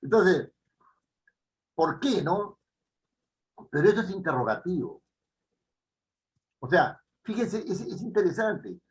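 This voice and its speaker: Lively high-voiced Peruvian teacher. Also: male voice, slow, pauses often, low-quality recording. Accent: Peruvian Spanish. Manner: lively, emphatic, frequent tag questions. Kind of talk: online writing lesson.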